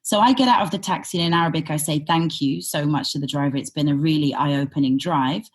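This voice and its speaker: Low husky woman telling stories. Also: quick pace. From Sudan, raised in Britain. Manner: reflective, thoughtful, with frequent fillers. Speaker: podcast guest, humanitarian consultant. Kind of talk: conversational interview storytelling.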